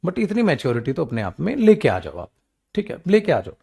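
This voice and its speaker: Fairly quick and slightly rough, with vocal fry, a male English teacher for government exams lectures on grammar, explaining English examples in Hindi. He's animated, affectionately scolding and coaxing students he calls beta, and he mimics their whining in a low, weak voice.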